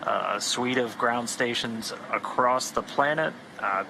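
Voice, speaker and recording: A man giving live, explanatory launch commentary with halting, informative phrasing. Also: mid-range voice. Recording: clear background noise.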